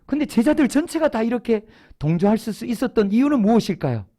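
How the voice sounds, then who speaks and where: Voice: medium pitch, very animated, fast talker, dark tone. A preacher giving a Sunday sermon in a church, telling a story and putting questions to the congregation before answering them. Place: church sanctuary.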